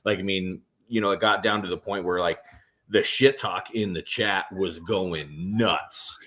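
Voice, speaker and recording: On his laid-back armwrestling podcast, a man with a low-pitched, unhurried voice spins profane, lively stories, acting out the quotes as he goes.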